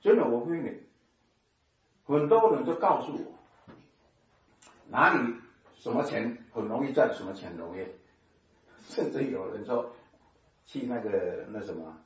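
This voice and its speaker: A man giving a personal testimony sermon, telling his story in an animated way with sound effects. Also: medium pitch, measured pace, pauses often. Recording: echoey hall from far off, dull sound.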